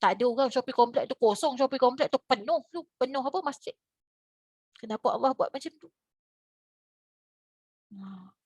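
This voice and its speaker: Woman religious teacher with a Malaysian Malay accent, animated and questioning, dry close mic. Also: normal speed, long pauses, breathy edge, no room sound. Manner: animated, rhetorical questions, sudden high exclamations. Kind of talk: lively religious lecture. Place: lecture hall.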